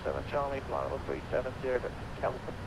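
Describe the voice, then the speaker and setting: A man giving a pilot's position report over a radio transmission, clipped and quick, with hesitant fillers. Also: medium pitch, very animated, creaky. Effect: noisy radio transmission. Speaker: pilot on flight-sim radio. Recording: muffled noisy radio line.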